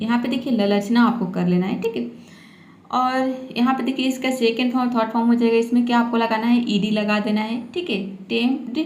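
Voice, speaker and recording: A woman who teaches English vocabulary in a patient manner. She spells out words and repeats them slowly, adding a steady "okay" after each point. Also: a little high, roomy sound, a little hiss or hum. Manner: patient, repeats "ठीक है" often. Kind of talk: vocabulary lesson.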